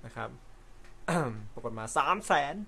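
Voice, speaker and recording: A man hosting a casual live stream from an indoor room, reading viewer comments in a relaxed, chatty way with frequent light laughter and apologetic asides. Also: medium pitch, slow, gravelly, a little hiss or hum. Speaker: host.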